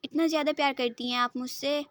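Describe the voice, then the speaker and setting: A woman voicing a gentle, apologetic young woman about to marry, who asks timid, hesitant questions, in a dry recording. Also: sits high, steady tone, fast talker, no echo, close to an everyday voice. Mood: timid, coaxing.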